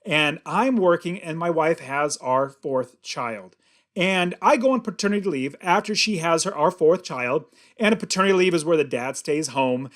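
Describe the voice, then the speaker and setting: A man's voice: fairly high pitch, lively intonation, normal speed, a bit bright. Earnest, emphatic man telling a story. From California. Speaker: host. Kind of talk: personal story to camera.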